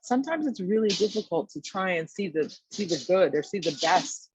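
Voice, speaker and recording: A woman's voice: fairly low pitch, expressive, a little fast, darkish tone, dull audio, slight background noise. A woman guest in a podcast conversation, speaking thoughtfully and often checking in with a tag question.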